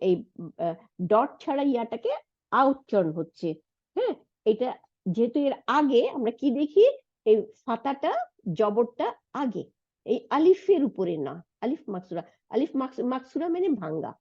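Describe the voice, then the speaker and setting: A woman's voice: fairly high pitch, dark tone, husky, dry recording, muffled recording. A woman teaching an Arabic grammar lesson, patient and explanatory, often asking her students a question and then answering it herself.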